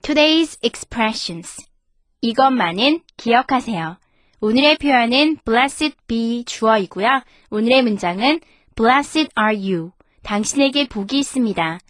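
A woman, an English teacher, reading a Bible story slowly in two languages, then explaining phrases in a friendly, careful way. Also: a little high, lively intonation, no echo, studio quality.

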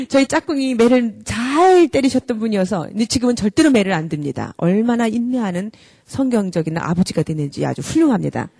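A woman's voice: fairly high pitch, breathy edge, no room sound. A woman who heads a character school, giving an earnest, direct lecture to parents and acting out scolding parents as she goes. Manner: acts out scolding parents in lively mimicry.

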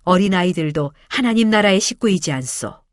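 A woman voicing Jesus as a calm, firm man in a children's Bible story. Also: lowish voice, a little fast, no echo, studio quality, natural voice. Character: gentle, firm male Jesus figure.

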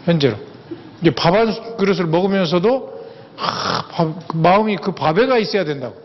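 A man's voice: high-pitched, animated, moderate pace. An older man giving a humorous lecture, folksy and anecdotal, repeating words for emphasis. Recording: echoey hall, dull sound, faint ambience.

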